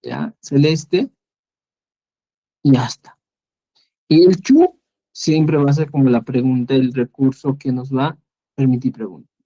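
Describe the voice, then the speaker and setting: A man with a Peruvian Spanish accent teaches a screen-recorded lesson, slow and patient, repeating each word. His voice is mellow and dark, yet it swings widely in pitch. The recording is dull and lo-fi. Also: animated. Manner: patient, repeats words and asks "¿ya?". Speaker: Quechua language teacher.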